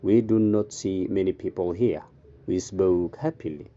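A man with a Somali accent, a native Somali speaker, who teaches English by reading a story aloud slowly and deliberately with line-by-line translation. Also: deep voice. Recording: slightly dull, lo-fi recording.

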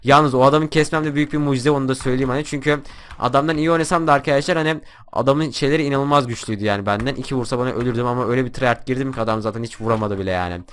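Young guy yelling over his game, talks quick, bright sharp voice. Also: medium pitch, a little hiss or hum. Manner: excitable, shouts and taunts at other players. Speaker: gaming YouTuber. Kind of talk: live gameplay commentary.

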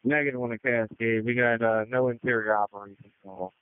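A man acting as fire incident commander, reporting over a two-way radio in a halting way with many uh fillers. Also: mid-range voice, fairly even intonation, clear, resonant tone, no echo. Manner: halting, frequent uh fillers, matter-of-fact. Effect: two-way radio transmission. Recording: tinny dry radio channel.

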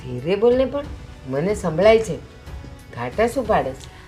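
A middle-aged woman playing a sensible mother who calmly lectures her daughter. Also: mid-range voice, moderate pace, faint music behind, lightly acted. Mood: lecturing. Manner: calm, lecturing.

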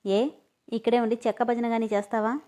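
A woman's voice: fairly high pitch, level tone, fairly quick, lightly acted. Woman reading as a curt bossy young man. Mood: mocking. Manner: sharp, commanding, teasing. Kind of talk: storybook reading.

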